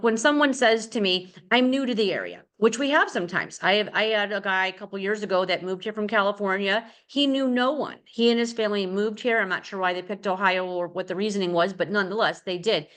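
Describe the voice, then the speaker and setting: A woman's voice: medium pitch, a bit bright. A middle-aged woman leading a casual real estate team training, chatty and rambling, with many fillers and restarts.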